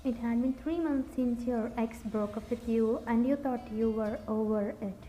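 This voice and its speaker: A woman narrating a scripted second-person story in a soft, even reading voice. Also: a little high, measured pace, slight background noise. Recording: dull lo-fi recording. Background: faint music.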